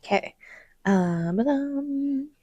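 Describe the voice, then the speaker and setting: A woman's voice: sits high, lively intonation, extremely slow, dark tone, no echo, muffled recording. A woman co-hosting a casual commentary podcast, rambling with lots of "um"s and playful sound-effect noises. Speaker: podcast co-host.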